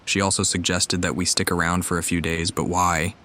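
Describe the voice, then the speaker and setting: Game hero: very low, flat delivery, reserved, wary, understated. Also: male voice, fairly quick, a little hiss or hum. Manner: understated, guarded. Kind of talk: video game voice acting. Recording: faint music behind the voice.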